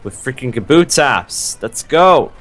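A man's voice: animated, a little slow, a bit bright. A man bantering goofily during a co-op game, echoing his partner's jokes. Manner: goofy, echoes jokes, squeaky bits. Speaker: co-op let's play partner. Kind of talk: casual gaming banter.

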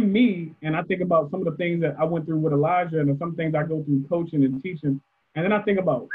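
A man's voice: on the high side, slightly rough. A debate coach speaking on a panel, thoughtful, often repeating words as he starts a sentence. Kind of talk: panel discussion answer. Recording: muffled phone-like audio.

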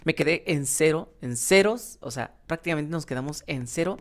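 A woman's voice: low voice, normal speed. A woman hosting a gaming channel, giving rambling, casual gameplay commentary with lots of fillers and restarts, often addressing viewers directly. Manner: talks to viewers as "chicos".

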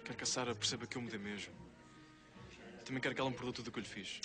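An actor plays a young man in a soap drama, sincere and confessional. He has a European Portuguese accent and a mid-range pitch. He talks quickly, with music behind him. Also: natural voice. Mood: sincere, resolved. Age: young adult. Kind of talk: television soap drama acting.

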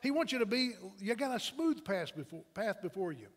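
A man with a high-pitched voice preaches a sermon from the pulpit, telling stories in a loose, conversational way and often restarting his sentences. His voice rings out with a long reverb, as in a large church sanctuary. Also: very animated, a little fast. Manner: conversational and anecdotal, with frequent restarts. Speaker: pastor.

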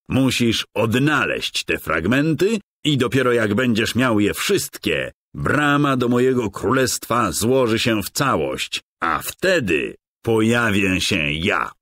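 A man voicing a sly, treasure-hoarding male lord of darkness in a children's game, speaking slowly and mockingly. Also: fairly low pitch, a bit bright, no echo, pitched above the performer's own voice, full character voice. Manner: mocking, gloating, slow and drawn out.

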